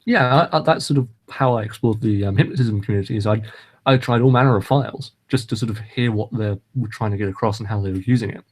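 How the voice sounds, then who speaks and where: A man's voice: fairly low pitch, fast. Rambling man in casual podcast chat. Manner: rambling, hesitant, lots of ums and restarts. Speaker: podcast host.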